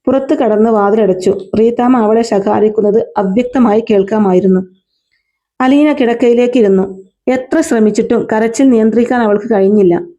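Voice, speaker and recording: A woman reading a novel aloud in a steady storytelling manner, lightly voicing the dialogue. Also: fairly high pitch, normal speed. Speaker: narrator.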